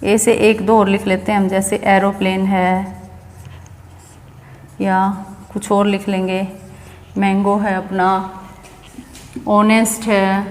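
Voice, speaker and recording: A woman's voice: mid-range voice, little pitch movement, slow, pauses often, a little mellow. A woman teaching an English grammar lesson, explaining step by step and asking and answering her own questions. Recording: echoey room with long reverb.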